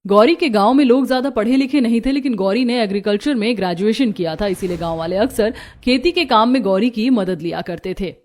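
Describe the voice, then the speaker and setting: A woman narrating an animated moral story in an expressive, scripted way. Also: a little high, a little fast, few pauses. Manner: expressive, plays several characters. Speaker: narrator and voice actor.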